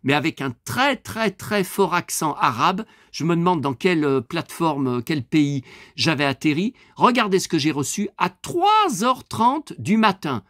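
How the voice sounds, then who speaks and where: A middle-aged man talking to camera in a loose, rambling vlog, blunt and quick to swear, with lots of fillers and restarts. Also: a little high, big pitch swings, fairly bright tone, no echo, clean studio sound. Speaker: vlogger. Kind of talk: casual rambling vlog monologue.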